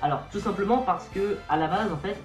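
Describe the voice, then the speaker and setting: A man's voice: high-pitched, a little fast, echoey room, highs cut off, faint music behind. A young man in his late teens talking casually to camera, chatty and playfully self-mocking. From Portuguese-Brazilian family background. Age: young adult. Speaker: youtuber.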